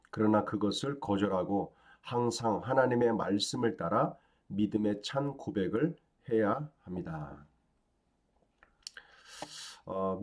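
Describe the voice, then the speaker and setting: Low-voiced Korean pastor teaching calmly. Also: male voice. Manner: calm teaching tone with frequent fillers, often rising in emphasis. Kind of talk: daily devotional sermon.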